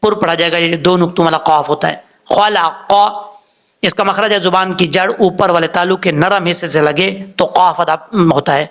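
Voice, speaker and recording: A man teaching Quran recitation, explaining slowly and spelling out letters with drawn-out chanted examples. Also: high voice, fairly even intonation, fairly bright tone. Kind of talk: recitation lesson.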